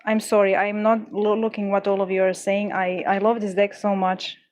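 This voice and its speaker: Young woman streamer, excitable and effusive, mid-pitched voice, trips over her words while reading chat. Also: normal speed. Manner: gushing, exclamatory, with frequent stumbles and restarts. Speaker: livestreamer. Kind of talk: casual chat with live viewers.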